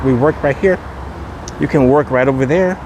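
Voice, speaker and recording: A podcast host who also guides walking tours leads a casual outdoor tour along a shopping mall street, talking in repetitive promotional patter. He has a medium-pitched voice at normal speed, and passing cars make the street recording noisy.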